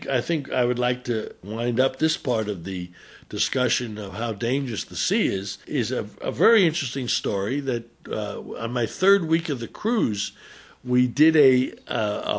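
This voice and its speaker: Guy at an average pitch giving a talk, ship doctor story, kinda halting, lots of uhs. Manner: measured, with frequent "uh" pauses. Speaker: ship's doctor telling a story. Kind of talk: spoken talk with anecdote.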